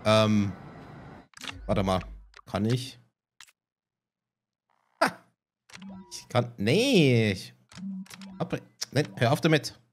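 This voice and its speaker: A let's play gamer speaks very slowly with long pauses, his mid-range voice swinging widely in pitch. Slight hiss or hum and game music accompany his self-mocking, musing commentary to himself.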